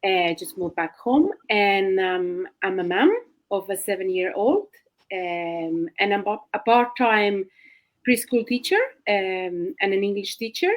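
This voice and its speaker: A woman from Spain introducing herself on an online panel, hesitant and pausing often. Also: mid-range voice. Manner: hesitant, many ums. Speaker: panel guest. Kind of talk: casual self-introduction.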